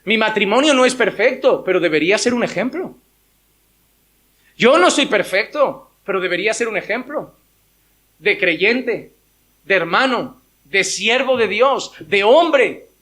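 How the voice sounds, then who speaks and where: A man preaching from the pulpit of a church, speaking. His voice sits high and rings bright and forceful as he drives each point home. He often plays out imagined speakers and asks the congregation direct questions. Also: expressive, unhurried. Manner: emphatic preaching with quoted voices and rhetorical questions. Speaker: pastor. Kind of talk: sermon.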